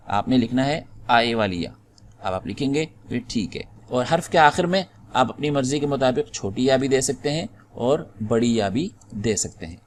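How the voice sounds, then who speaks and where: Man calmly explaining a typing lesson. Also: mid-range voice, slight background noise. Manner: patient step-by-step explaining, spelling out keys. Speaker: typing instructor. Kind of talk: screen-recorded tutorial.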